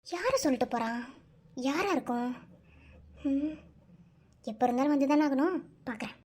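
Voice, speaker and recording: Fiery jealous young wife played by a performer, shrill and quick, scolds and mocks. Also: animated, a bit bright. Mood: suspicious. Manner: scolding, mocking. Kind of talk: animated cartoon voice acting.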